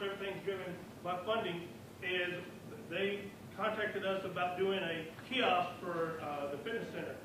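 A man speaking up at a town hall to add information, in a halting, informal way. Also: high-pitched. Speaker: staff member adding information. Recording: echoey hall from far off, clear noise.

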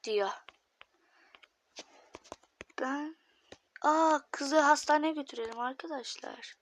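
A woman with a high voice talks her viewers through a game she is playing. She takes her time, speaking at an unhurried pace. She is chatty and often slips into a whisper. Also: a little hiss or hum. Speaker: gaming YouTuber. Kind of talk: casual gaming commentary.

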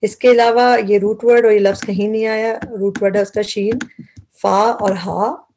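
A woman's voice: medium pitch, fairly even intonation, a little slow, mellow, a little hiss or hum. A woman teaching a word-by-word Quran lesson, patiently explaining root words and repeating herself as she goes.

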